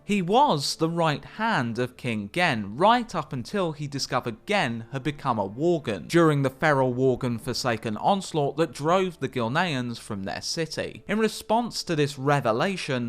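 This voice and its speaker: A man reading scripted game lore narration with measured, dramatic storyteller phrasing. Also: medium pitch, fairly bright tone. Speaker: video narrator. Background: background music.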